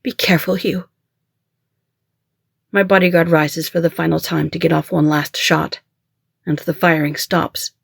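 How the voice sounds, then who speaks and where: An author reading their own mystery-thriller audiobook in first person, with a measured, even storytelling manner, recorded close to the mic. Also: medium pitch, gravelly, no echo. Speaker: author and narrator.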